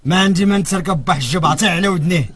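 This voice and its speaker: An actor playing an evasive Moroccan shopkeeper who answers with proverbs in film dialogue. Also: male voice, high-pitched, racing, background noise, lightly acted. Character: secretive male shopkeeper, stubborn and cagey.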